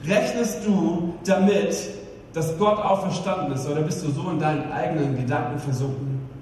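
A man preaching an Easter sermon as pastor, emphatic, with rhetorical questions and slowed-down stresses. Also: a little high, a little mellow. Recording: echoey hall, distant mic, faint room noise.

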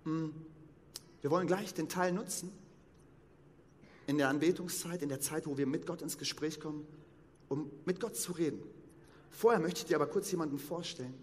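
A man, a pastor, preaching a sermon with emphatic, slow stressed phrases, recorded in a church hall. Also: on the high side. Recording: long reverb of a church hall.

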